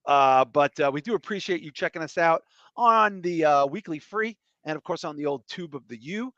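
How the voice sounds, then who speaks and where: A man hosts a casual comedy podcast, cracking crude jokes and plugging the show enthusiastically. His voice is on the high side, pushed and bright, with lively intonation at normal speed and no room sound. The stream audio is muffled and slightly lo-fi.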